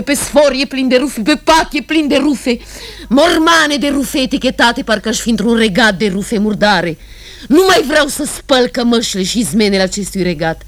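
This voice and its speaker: A woman's voice: fairly high pitch, close to an everyday voice. An actress playing a weary woman who tends her sick sister, in a radio drama monologue that swings between cries and whispers. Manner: shifts between shouting and whispering.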